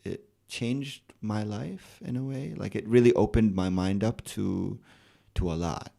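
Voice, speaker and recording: Podcast guest: young American man, low gravelly voice, thoughtful and loose, lots of restarts. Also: unhurried. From United States. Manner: relaxed, thoughtful, many fillers and restarts. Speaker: rapper and poet guest. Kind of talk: casual podcast interview.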